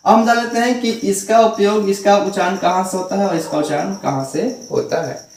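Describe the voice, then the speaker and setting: A man's voice: sits high, steady tone, normal speed, darkish tone, reverberant, far from the mic, slight background noise, rough recording. A man giving a grammar lesson, patiently repeating terms and answering his own questions. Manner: patient, repeats words, asks and answers himself. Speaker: teacher.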